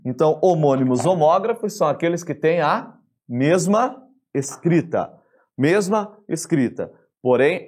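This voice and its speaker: Young Brazilian man, grammar teacher, husky, upbeat and conversational. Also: fairly high pitch. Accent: Brazilian Portuguese. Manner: lively, chatty, asks the class questions. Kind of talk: online grammar lesson.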